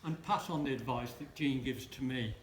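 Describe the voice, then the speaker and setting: In a roomy hall with faint noise, a man in his seventies gives a wedding speech in a medium-pitched voice at normal speed. His humour is dry and self-mocking, with teasing asides aimed at the couple.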